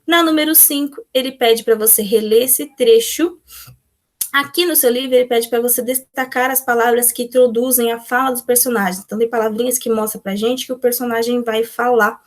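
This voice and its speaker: Brazilian woman teacher, young adult, patient and methodical, voice a bit high. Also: fairly even intonation, fairly quick. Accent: Brazilian Portuguese. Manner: patient, explains step by step, answers pupils' imagined questions. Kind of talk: remote class walkthrough of textbook exercises.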